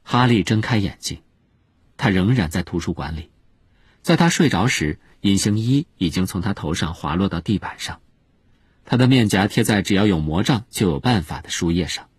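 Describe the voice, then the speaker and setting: A man narrating a storybook in a lively, expressive way. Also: sits low, normal speed, breathy edge, no echo. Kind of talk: storybook reading.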